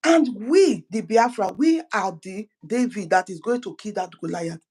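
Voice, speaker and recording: An activist gives a fervent political speech, repeating words and restarting phrases as passion drives him on. The medium-pitched voice is animated and dark-toned at a normal pace, captured in a rough recording.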